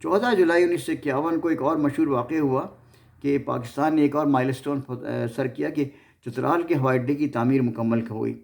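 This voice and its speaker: Fairly quick and creaky, with a medium pitch and darkish tone, a man hosts an informal history series. He has a Pakistani accent and keeps stumbling and repeating his words as he goes.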